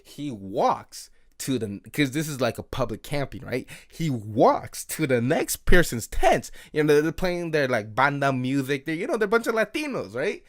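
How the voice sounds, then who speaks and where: A man's voice: mid-range voice, sing-song, normal speed, hardly any pauses. Profane, rambling young man telling stories. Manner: rambling and profane, heavy filler "like" and "right?". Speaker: vlogger. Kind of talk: late-night storytelling monologue.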